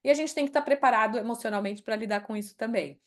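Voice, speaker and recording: Speaking fast in a slightly high voice, a middle-aged woman from Brazil appears as a podcast interview guest. She's an HR executive with a Brazilian Portuguese accent who speaks openly and mixes in English phrases.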